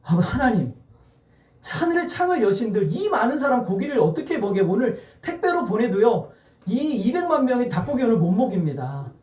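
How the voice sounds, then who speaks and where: A pastor putting on an exasperated old prophet. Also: male voice, extremely high pitch, sing-song, normal speed, hardly any pauses, mellow, reverberant, recorded from a distance, pitched above the performer's own voice. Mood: incredulous. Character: exasperated male prophet pleading with God.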